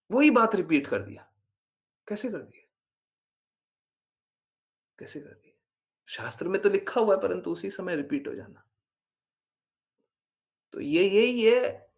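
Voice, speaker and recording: A spiritual teacher with a high-pitched, gravelly voice delivers a devotional class talk. He's earnest and insistent, repeating phrases for emphasis and slipping English words into his speech.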